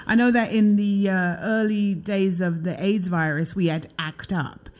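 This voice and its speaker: A woman's voice: medium pitch, steady tone, measured pace, darkish tone. A woman hosting a talk show, chatting loosely with lots of filler words. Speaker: show host. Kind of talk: casual interview chat.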